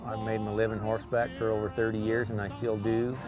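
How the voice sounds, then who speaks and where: A man's voice: on the low side, flat delivery, quick pace. A mature man, a working cowboy and performer, talking reflectively in an interview. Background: music under the voice.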